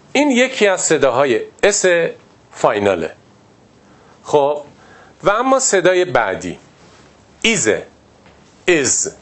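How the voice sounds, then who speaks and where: A man from Iran teaching a pronunciation lesson, explaining step by step and repeating example words slowly. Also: mid-range voice, a bit bright. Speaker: English teacher.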